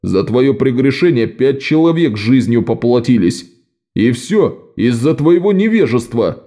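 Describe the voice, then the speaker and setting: A man's voice: mid-range voice, sing-song, a little slow, dark tone. A man voicing a stern, commanding male ship captain in an audiobook. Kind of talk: audiobook character voice.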